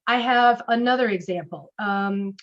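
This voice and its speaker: A middle-aged woman teaching customer service in a casual webinar, lively and conversational, acting out sample lines. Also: mid-range voice, measured pace, highs cut off. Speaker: speaker and customer service trainer.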